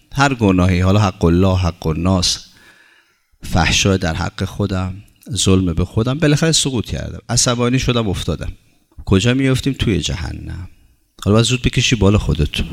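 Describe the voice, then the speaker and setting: A man's voice: fairly low pitch, creaky. A man preaching a sermon as a religious teacher, building his points through long runs of short, repeated phrases and reciting Arabic scripture before explaining it.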